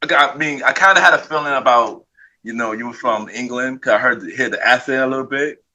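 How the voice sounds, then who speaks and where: A man's voice: mid-range voice, a little fast, bright, forceful tone, rough recording. A man hosting a podcast, interviewing a guest in a laid-back way, often repeating his phrases. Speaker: podcast host. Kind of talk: casual interview.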